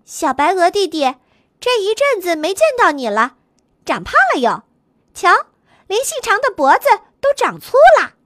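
A woman's voice: very high-pitched, very animated, normal speed, fairly bright tone, no echo, studio quality, pitched above the performer's own voice, full character voice. A woman voicing a playful little lamb who teases a friend in a storybook. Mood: teasing. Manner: playful, teasing.

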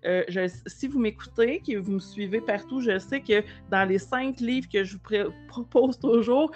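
A woman's voice: a little high, normal speed, a little mellow, muffled recording, soft background music. A woman with a Québécois accent hosting a casual podcast interview, enthusiastic and affirming. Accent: Québécois French. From Quebec. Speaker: podcast host.

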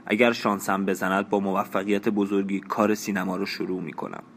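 A man's voice: sits low, fairly even intonation, gravelly, fairly bright tone, slight background noise. A man reading the part of a proud, ambitious young actress who speaks sharply and impatiently in an audiobook. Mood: cold.

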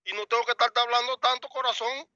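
A man calling in to a live audio room, confronting another speaker with mock-affectionate jabs and often dropping his voice low. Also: fairly even intonation, fast, pushed and bright, no room sound. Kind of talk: heated confrontation. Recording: dry, lo-fi stream audio.

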